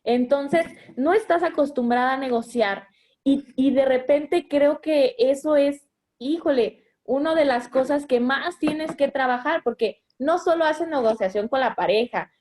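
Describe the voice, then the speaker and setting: A woman with a high-pitched voice, giving earnest parenting advice in conversation. She explains her points at length and often stops to restart a phrase. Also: measured pace, darkish tone. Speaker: guest speaking as a mother.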